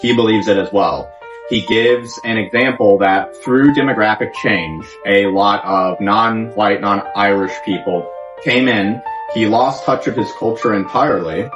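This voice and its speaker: A man's voice: on the low side, unhurried. Sarcastic man in a roomy lo-fi recording. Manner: sarcastic, mimics others in put-on quotes. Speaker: reaction video host. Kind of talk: mocking reaction commentary. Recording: roomy dull lo-fi sound with clear music.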